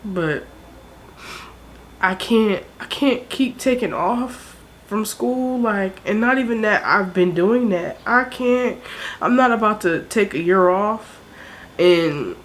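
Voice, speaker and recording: Tired and tearful, a South Jersey woman in her twenties talks frankly to her camera about what she's going through, cursing plenty along the way. Her mid-range voice moves slowly, with slight background noise behind it.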